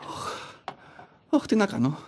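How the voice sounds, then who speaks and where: An actor playing a middle-aged, lonely, self-loathing bank clerk shut in a basement vault, talking aloud to himself in a theatrical monologue. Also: male voice, lightly acted. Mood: panicked, gasping. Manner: talks aloud to himself, argues with his own self. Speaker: actor in a one-man stage monologue.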